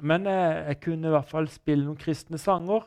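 A middle-aged man giving an earnest personal testimony in an interview, halting with many restarts. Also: on the high side, fairly even intonation, darkish tone, clear, resonant tone. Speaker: guest telling his testimony.

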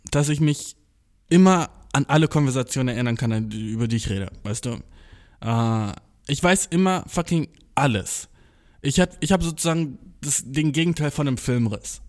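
A young man in a mid-range voice tells a story as a casual monologue. He's slangy and swears plenty, throws in English words, and tumbles over his words while excitedly making fun of himself.

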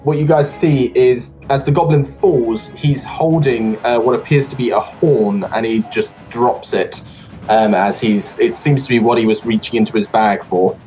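Relaxed man running a tabletop game. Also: medium pitch, normal speed, faint music behind, low-quality recording. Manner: relaxed, hesitant narration with fillers. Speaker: game master.

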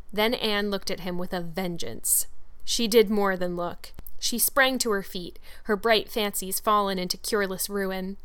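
Audiobook narrator: woman, measured expressive storytelling, mid pitch, polished tone. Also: clear, resonant tone.

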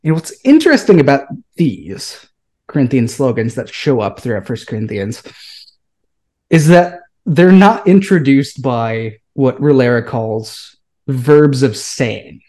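Male guest scholar, mid-pitched, professorial and chatty, keeps asking "right?". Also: big pitch swings, unhurried, darkish tone. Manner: professorial, checks in with "right?" and "okay?". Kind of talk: explaining to a group on a podcast.

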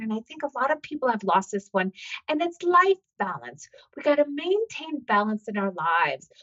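A woman's voice: high-pitched, a bit bright, dull audio. An American woman doctor hosting a podcast, talking in an upbeat, motivational way with many fillers. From United States. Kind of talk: solo podcast talk.

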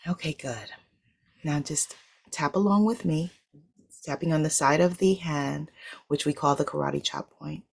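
A woman's voice: low voice, unhurried, creaky, pauses often, darkish tone. A woman guiding a tapping meditation, calling out tapping points and leading spoken affirmations in a soothing manner. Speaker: tapping practitioner.

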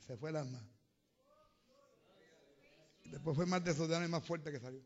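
A man preaching a sermon, telling testimonies and building to loud, fervent preaching. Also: a little high, moderate pace, lo-fi sound, a crowd in the background.

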